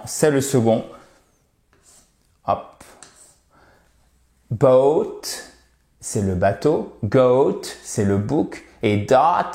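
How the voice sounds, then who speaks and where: Slow-speaking man teaching English pronunciation. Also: medium pitch, a little mellow, roomy sound. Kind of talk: French-language English lesson.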